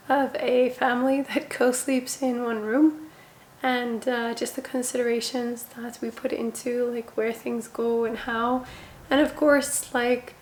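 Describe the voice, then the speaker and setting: A young woman speaks from her bedroom in a relaxed, chatty home-tour manner, her voice a little hoarse and sitting fairly high. Her delivery stays level, without much rise and fall. A faint background noise runs underneath. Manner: chatty, relaxed, with frequent "like" fillers. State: voice somewhat hoarse. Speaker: parenting vlogger. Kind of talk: casual home tour talk. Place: her bedroom, seated indoors.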